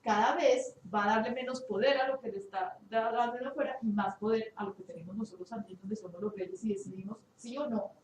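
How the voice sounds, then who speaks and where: Female participant, fairly high, halting storyteller; distant in echoey room. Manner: halting, searches for words. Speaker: workshop participant. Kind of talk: retelling an anecdote in class. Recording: echoey room, far from the mic, faint hiss.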